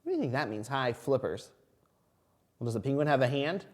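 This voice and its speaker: A man with a medium-pitched voice reads a children's picture book aloud, as if to a toddler. He is expressive and teacherly. He puts simple questions to his young listeners as he goes. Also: a little fast. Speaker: kindergarten reading teacher.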